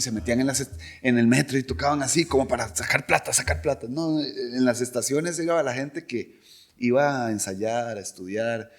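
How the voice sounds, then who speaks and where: Cantante costarricense contando anécdotas con soltura. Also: male voice, medium pitch. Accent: Costa Rican. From Costa Rica. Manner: animated, imitates voices of people in his stories. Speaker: singer, podcast guest. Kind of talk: casual interview storytelling.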